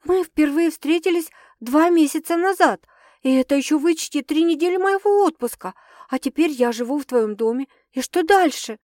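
Woman voicing a dramatic, excitable young woman. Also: normal speed, no echo, clean studio sound, lightly acted. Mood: agitated. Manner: excitable, exclaiming, higher and louder than narration.

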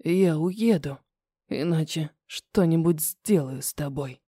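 A furious young man speaks low and hushed through his teeth, each threat held back rather than shouted, as a woman narrator puts him on. The voice sits lower than the reader's own, with a dark, mellow tone. It is dry and close, an audiobook character. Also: takes it slowly, husky, dry recording, full character voice. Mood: menacing.

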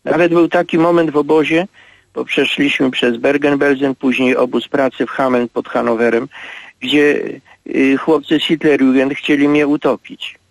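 A priest in his eighties giving a radio interview, speaking slowly and reflectively with halting pauses. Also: medium pitch, steady tone, gravelly, no room sound, rough recording. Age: 80s. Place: radio studio.

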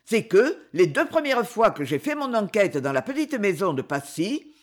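A reader voicing a young male reporter who makes ringing, forceful accusations in court. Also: sits high, sing-song, moderate pace. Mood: accusing.

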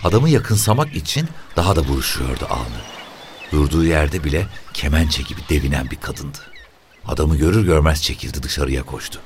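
A man with an extremely deep, low voice reads a literary story slowly and steadily. Every sentence is measured and calm. A faint hiss sits under the recording. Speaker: audiobook narrator. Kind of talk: scripted narration.

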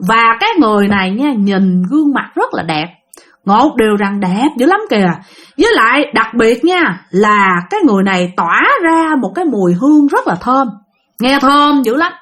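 Southern Vietnamese woman, ghost story narrator, high, very animated delivery. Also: moderate pace. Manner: lively, addresses listeners directly.

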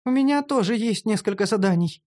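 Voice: medium pitch, expressive, normal speed, darkish tone, pitched above the performer's own voice, lightly acted. A narrator voicing a timid, earnest young female gnome who explains things carefully. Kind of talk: audiobook character voice.

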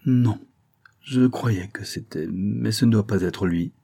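A man reading aloud voicing a reserved, troubled woman who speaks in a quiet, restrained way. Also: lowish voice, takes it slowly, gravelly, husky, exaggerated voice.

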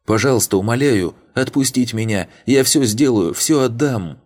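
Чтец изображает хныкающего слепого, жалобно упрашивает, высоко и с надрывом. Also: male voice, medium pitch, moderate pace, darkish tone, pitched above the performer's own voice, natural voice. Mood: pleading, sobbing. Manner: whimpering, pleading. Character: blind adult man faking tearful, cowardly begging. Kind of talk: audiobook character voice.

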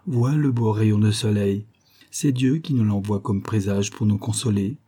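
A man reading the part of a young naval lieutenant who gently reassures his beloved. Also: on the low side, a little slow, husky. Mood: tender. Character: young male naval lieutenant, tender and hopeful lover.

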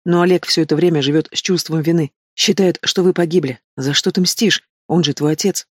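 A man's voice: on the high side, steady tone, fairly quick, no echo, studio quality, natural voice. A man voicing a frightened young woman held captive, pleading and tearful, in an audiobook reading.

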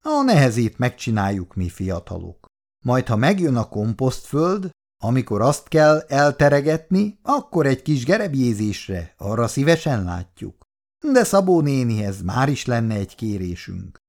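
A ceremonious young neighbor. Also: male voice, medium pitch, big pitch swings, a little mellow. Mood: reassuring. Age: young adult. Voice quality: formal, ceremonious. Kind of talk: 1960s radio drama acting.

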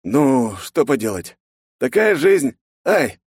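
A man's voice: mid-range voice, sing-song, slow, slightly rough, dry recording, studio quality, pitched above the performer's own voice, heavily acted. A man voicing a weary, wry young man who talks sluggishly, in a storybook reading.

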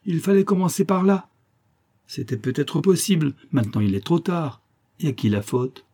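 A man reading aloud, voicing a shrewd young woman who mocks and bargains in a raised, sharp voice. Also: fairly high pitch, animated, normal speed, breathy edge, pitched above the performer's own voice. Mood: scornful. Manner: teasing, sharp and mocking.

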